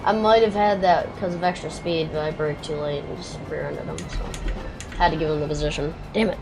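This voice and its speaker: Low-pitched and steady, with vocal fry and a brisk pace, a woman gives casual livestream commentary while racing. She chats with her viewers and mumbles to herself as she drives, all beneath loud background music.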